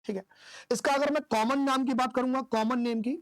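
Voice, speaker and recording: In a very high, steady voice and at a fairly quick pace, a man gives a classroom lecture on naming isomers, quizzing the room and supplying the answers himself as he counts aloud. The audio has no echo.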